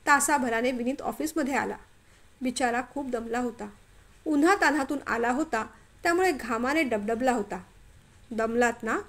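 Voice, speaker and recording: A woman storyteller reading a family drama story aloud in an expressive, measured way. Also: sits high. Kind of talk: scripted story narration.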